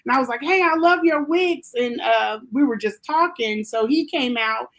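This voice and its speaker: A woman who grew up in Germany talks through a personal story as a guest in a casual interview. Her voice sits a little high. She rambles, circling back with fillers and restarts as she goes. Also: moderate pace, fairly bright tone.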